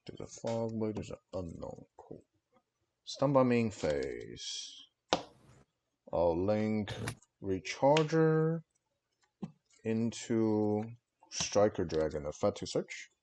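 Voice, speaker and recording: A man with a slightly low voice talks through a headset mic on a livestream. He calls his card plays in terse bursts and pads them with fillers. The tone stays casual. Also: big pitch swings, slow, pauses often, mellow, slight background noise. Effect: livestream headset mic audio. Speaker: streamer and card game player. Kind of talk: casual play-by-play commentary of his own turn.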